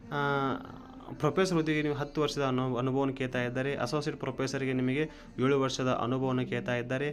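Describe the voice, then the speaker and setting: A man casually explaining job notices in a voice-over, with many fillers and restarts. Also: medium pitch. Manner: repeats fillers, often restarts. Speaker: job news presenter.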